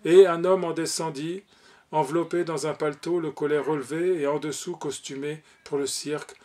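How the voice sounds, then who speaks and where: A man reading a short story aloud as an audiobook, expressive, giving the characters' lines their own voices. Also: a little high, moderate pace. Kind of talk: audiobook narration.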